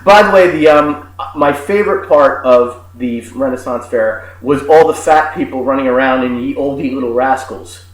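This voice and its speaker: A man in his forties, co-hosting a comedic rant, sarcastic and crude, with many fillers and pauses. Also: mid-range voice, echoey room, slight background noise, poor audio. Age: 40s. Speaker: co-host.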